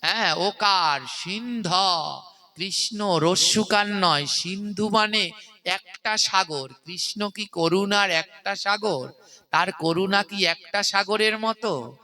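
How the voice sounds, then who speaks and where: Bright-voiced, slow-speaking male preacher. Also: high voice. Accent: Bengali. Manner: teaching, emphatic, chanting verses slowly. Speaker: kirtan preacher. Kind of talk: devotional sermon.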